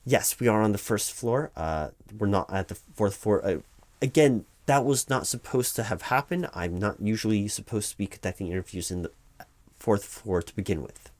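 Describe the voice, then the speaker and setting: A man with a fairly low, slightly mellow voice speaks at normal speed but animatedly, playing a distracted, evasive corporate hiring manager. In this one-sided comedic interview sketch he stammers and rambles officiously.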